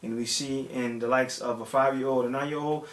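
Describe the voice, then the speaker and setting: Speaking to viewers from an echoey room, a thirtysomething religious teacher and father, a native English speaker, keeps things informal. His medium-pitched, steady voice often stalls with pauses, fillers and restarts.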